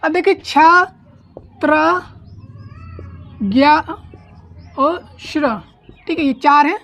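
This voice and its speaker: A woman teaching an online grammar class, explaining step by step, drilling pronunciation slowly and often checking that students follow. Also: high voice, fairly bright tone, faint music behind. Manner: slow, deliberate pronunciation drills.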